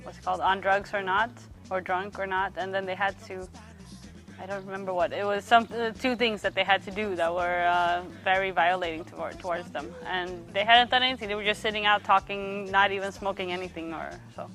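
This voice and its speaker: A young woman from Sweden, a youth worker giving reflective interview answers, pausing often to find her words. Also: medium pitch, fairly even intonation, fairly bright tone, faint music behind. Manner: thoughtful, pauses often to search for words.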